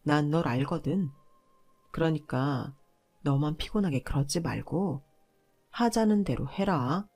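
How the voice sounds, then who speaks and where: A woman's voice: a little slow, mellow, husky, soft background music, full character voice. A woman doing a cold, controlling husband. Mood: contemptuous. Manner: lower, contemptuous, lecturing.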